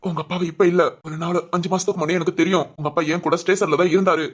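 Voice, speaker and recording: Woman playing young husband, lowered husky voice, firm, measured, doll-film drama. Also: fairly even intonation, lightly acted. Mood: firm explaining. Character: steady young husband, calm and explaining.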